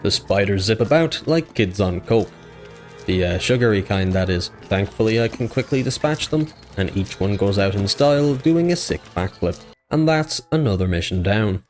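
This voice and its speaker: A man with a fairly low voice narrates gameplay footage in a scripted voice-over. His humor is dry and offhand, and he slips asides in between the updates. Faint music plays underneath. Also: animated, moderate pace, a little mellow. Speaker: gaming YouTuber.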